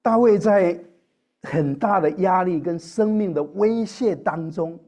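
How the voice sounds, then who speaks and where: Warm-toned preacher man addressing congregation. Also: high-pitched, measured pace. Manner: addresses the congregation, asks questions, tags sentences with a soft "ha". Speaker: pastor. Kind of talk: sermon.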